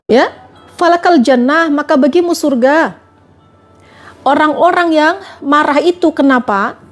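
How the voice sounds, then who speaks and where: High-voiced woman preaching with rhetorical questions. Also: unhurried, soft background music. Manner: fires repeated rhetorical questions at listeners; addresses viewers directly, coaxing. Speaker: motivational trainer. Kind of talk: live-streamed religious advice.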